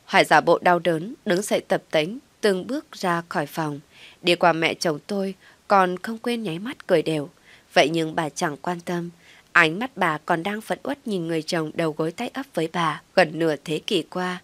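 A woman narrating a first-person family drama story in a calm, steady way. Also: lowish voice, normal speed, no echo.

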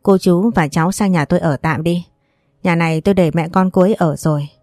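A woman's voice: on the low side, a little fast, a little mellow, no echo, clean studio sound, close to an everyday voice. Woman reading as a stern older uncle. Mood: calm. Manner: firm, scolding. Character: stern older man, protective uncle figure.

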